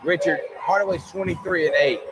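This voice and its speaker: A man hosts a sports show in a fairly high voice. His commentary is conversational with emphatic stresses, recorded amid heavy outdoor ambient noise. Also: steady tone, a little fast.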